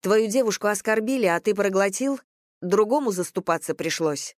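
A reader voicing a quick-tempered young woman who talks sharply and bluntly. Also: medium pitch, animated, no room sound, clean studio sound, lightly acted. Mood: fierce. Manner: sharp, forceful.

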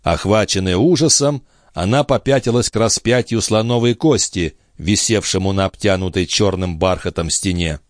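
A man narrating an audiobook with expressive storytelling. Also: low voice, moderate pace, no echo, clean studio sound.

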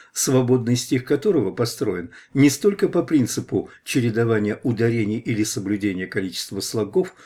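A man reading a scholarly preface aloud as an audiobook, at a measured pace. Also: medium pitch, a little mellow, breathy edge. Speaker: audiobook reader.

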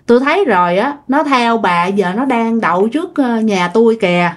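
A woman voicing an old village spirit medium who speaks calmly and knowingly. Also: on the high side, moderate pace, close to an everyday voice.

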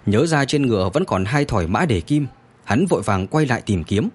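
Male storyteller, husky tone, lively expressive pitch for dramatic narration. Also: a little fast.

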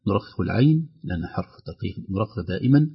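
A man teaching Quran recitation on a radio lesson, explaining calmly and slowly chanting verse examples. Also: sits low, creaky, breathy edge, lo-fi sound.

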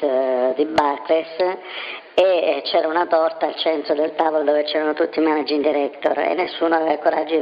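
An anonymous man whose voice is disguised with a deep pitch shift, answering interview questions hesitantly with many fillers and restarts. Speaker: anonymous banker source. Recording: dull lo-fi with faint noise.

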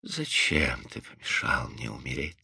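A man voicing a despairing young woman in an audiobook, speaking quietly, tired and lifeless. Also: a bass voice, very animated, a little slow, gravelly, husky, no echo, clean studio sound, pitched below the performer's own voice, heavily acted. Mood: weary despair.

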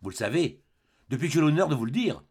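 A man's voice: fairly high pitch, sing-song, fast talker, a little mellow, husky, pitched above the performer's own voice. A man voicing a scheming, greedy older man who wheedles and insinuates in an audiobook. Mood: sly.

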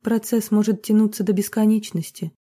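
A sympathetic middle-aged woman who runs an orphanage, weary and tactful, as a female narrator voices her. Her voice is mellow and slightly husky, and she speaks like a figure in an audiobook. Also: mid-range voice, steady tone, fairly quick, lightly acted.

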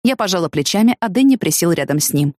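A woman reads a first-person audiobook with expressive storytelling. Her pitch moves a lot, and the recording is dry and close. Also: fast talker, no room sound. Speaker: audiobook narrator.

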